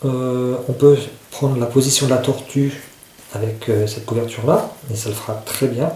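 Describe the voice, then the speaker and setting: A man's voice: mid-range voice, steady tone, normal speed, mellow. Casual man demoing gear in an echoey room. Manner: informal, repeats himself, demonstrates while talking. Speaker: outdoor gear reviewer. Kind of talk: casual product demonstration. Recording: roomy echo, faint noise.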